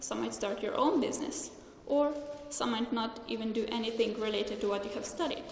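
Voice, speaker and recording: A woman's voice: fairly high pitch, brisk, slight background noise. A young woman from Slovenia giving a formal graduation speech in English at a lectern, speaking earnestly and carefully from notes, with a few small restarts. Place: large hall. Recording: echoey hall with faint ambience.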